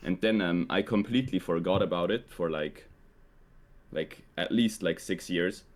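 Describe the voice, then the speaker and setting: A young Swiss guy whose first language is Swiss German appears as a guest in a casual conversation. He has a really low voice and talks at normal speed, relaxed and hesitant, leaning heavily on "like" and "um."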